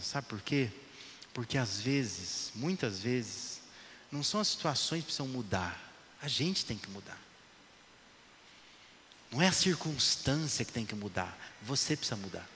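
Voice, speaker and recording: A man preaching a sermon emphatically, repeating his points and dropping to hushed lines. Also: mid-range voice. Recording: echoey hall, faint noise.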